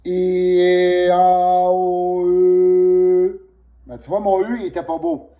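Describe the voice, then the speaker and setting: A man's voice: high-pitched, little pitch movement, extremely slow, mellow. A man giving a patient singing lesson, coaching and demonstrating vowels while coughing through a sore throat. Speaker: singing teacher. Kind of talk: one-on-one voice lesson.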